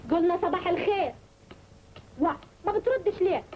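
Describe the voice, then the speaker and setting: Lovestruck egyptian girl student, gushing, very high voice, quick, dull old film sound. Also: a little hiss or hum. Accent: Egyptian Arabic. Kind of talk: 1950s Egyptian film acting.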